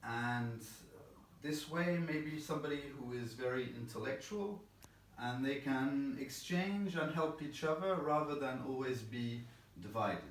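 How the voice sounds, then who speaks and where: A man's voice: mid-range voice, unhurried. A man from England giving casual interview answers, thoughtful and rambling with many fillers and a self-deprecating touch. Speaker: interview guest, chess boxer. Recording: roomy, distant, faint background noise.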